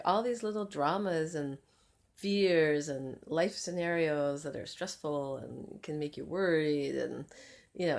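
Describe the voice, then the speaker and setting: A woman coach sharing a personal story in an earnest, gentle way, pausing often with soft fillers. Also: sits low, creaky. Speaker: happiness coach. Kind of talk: personal reflective talk to camera.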